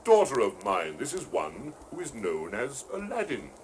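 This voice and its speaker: An actor playing a regal, faintly amused king with measured, formal speech in an audio storybook. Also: medium pitch, huge pitch swings, slight background noise. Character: courteous, amused, regal king and father of a princess.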